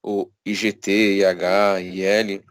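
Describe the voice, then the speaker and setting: A man's voice: sits low, flat delivery, slow, clear, resonant tone, dry recording. A man with a Brazilian Portuguese accent, a student carefully checking his notes with the teacher. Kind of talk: asking a question in class.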